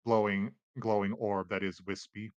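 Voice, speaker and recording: A man narrating a tabletop game as game master, relaxed and halting, with many fillers. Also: lowish voice, smooth, dry recording, muffled recording.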